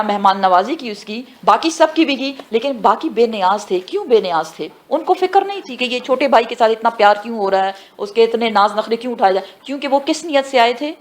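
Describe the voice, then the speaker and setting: A woman giving a tafsir lesson who asks her students questions and answers them herself, mixing in English phrases and slowing down for the Arabic words. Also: fairly high pitch. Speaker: Quran teacher. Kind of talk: tafsir class lecture.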